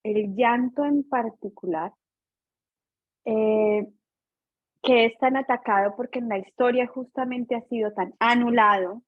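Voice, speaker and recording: A woman's voice: fairly high pitch, fairly even intonation, measured pace, no echo. A woman participant in a video call, explaining her view in an earnest, teacherly way. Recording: tinny phone-like call audio.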